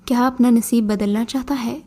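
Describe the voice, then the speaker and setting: A woman's voice: fairly high pitch, fairly even intonation, warm tone. A woman voicing a mocking old male jinn disguised as a beggar, speaking in a scornful, commanding way.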